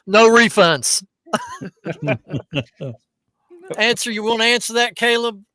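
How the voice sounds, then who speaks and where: A man's voice: high voice, expressive, very slow, pauses often, pushed and bright, no room sound. A man hosting a casual podcast, reading viewer comments aloud and joking with his guests. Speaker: podcast host.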